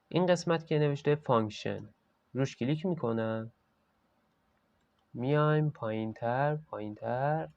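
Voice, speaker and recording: A man's voice: mid-range voice, darkish tone, no room sound. Guy doing a chill step-by-step tech tutorial, dry slightly muffled mic. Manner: casual, step-by-step explaining. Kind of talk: screen-recorded software tutorial.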